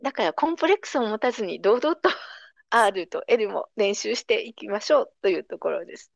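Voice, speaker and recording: A middle-aged woman who teaches language, patiently explaining pronunciation in a relaxed conversation. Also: mid-range voice, brisk, gravelly, dry recording. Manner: patient, explanatory, lively intonation. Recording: dry, dull lo-fi sound.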